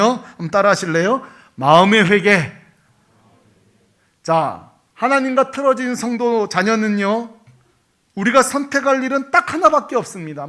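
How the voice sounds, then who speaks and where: A middle-aged male pastor giving an emphatic sermon, acting out quoted prayers and dropping from loud calls to hushed pleading. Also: high voice.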